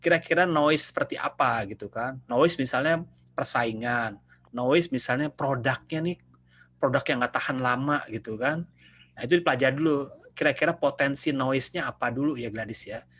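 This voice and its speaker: A man with a slightly husky voice speaks to his students over a video call. He keeps the lecture loose and chatty and jokes with them as he explains. The sound comes through a plain computer microphone. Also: medium pitch, normal speed. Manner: relaxed, joking, chatty with students. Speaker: university lecturer. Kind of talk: casual online lecture. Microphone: video call computer mic.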